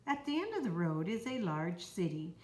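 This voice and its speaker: A woman reading a children's picture book aloud in a slow, even, clear storytelling manner. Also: on the low side. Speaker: storybook reader. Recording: roomy echo, faint noise.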